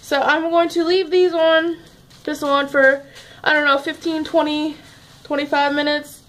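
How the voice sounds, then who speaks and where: Chatty high-voiced young woman vlogging. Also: level tone, measured pace, fairly bright tone. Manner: rambling, chatty, restarts often. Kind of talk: casual vlog chat. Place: home room, at a table.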